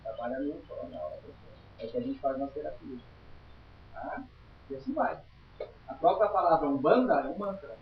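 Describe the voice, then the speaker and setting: A man's voice: fairly high pitch, expressive, fairly quick, recorded from a distance, slight background noise. A man teaching a spiritualist study group in an informal lecture, chatty and emphatic, often checking in with his listeners. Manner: chatty, emphatic, tags lines with "tá?". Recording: roomy, dull lo-fi room recording.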